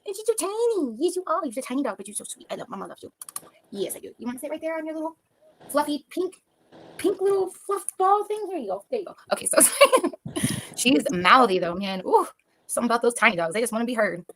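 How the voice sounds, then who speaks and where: A woman's voice: sits high, big pitch swings, fast, a little hiss or hum. Cooing woman in sing-song baby talk. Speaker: streamer. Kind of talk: baby talk to a pet dog.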